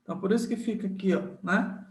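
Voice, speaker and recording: A man with a high voice and quick pace teaches an online grammar lesson with screen sharing, and the sound is roomy. He's friendly and informal, full of diminutives, repeats each key rule, and keeps checking in with students using tags like "tá?" and "certo?".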